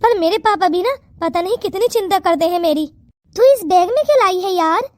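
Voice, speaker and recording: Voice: very high-pitched, lively intonation, brisk, no room sound. A voice artist playing a chatty, carefree young woman who is the heroine's best friend in a cartoon. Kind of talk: cartoon story voice acting.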